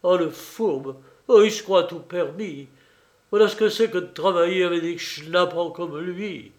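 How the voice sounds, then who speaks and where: A man's voice: sits high, unhurried, darkish tone, pitched above the performer's own voice. A man voicing a panicky older banker who whines, protests and splutters in agitated outbursts. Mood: indignant. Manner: agitated, pleading, stammering outbursts.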